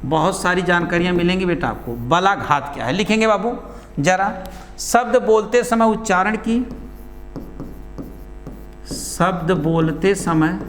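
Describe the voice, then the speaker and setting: A male teacher giving a classroom lesson, dictating notes and repeating each phrase slowly for students to write down. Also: high-pitched, a bit bright, big-room sound, a little hiss or hum.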